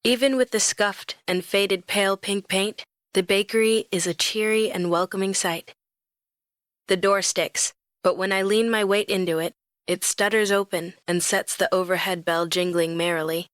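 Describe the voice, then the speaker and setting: Brief: young woman, romance audiobook narrator, lively and expressive, close dry read. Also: medium pitch, moderate pace, no echo.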